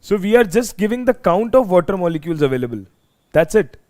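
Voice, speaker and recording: Male teacher, North Indian accent, high voice, emphatic exam-lesson delivery with repeated phrases. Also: very animated, quick pace, mellow. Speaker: chemistry teacher. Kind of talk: live exam revision lesson.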